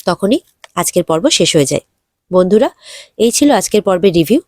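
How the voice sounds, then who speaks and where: A woman's voice: lowish voice, animated, moderate pace, darkish tone, dry recording, studio quality. A woman narrating an episode recap, retelling the characters' lines with light emotion.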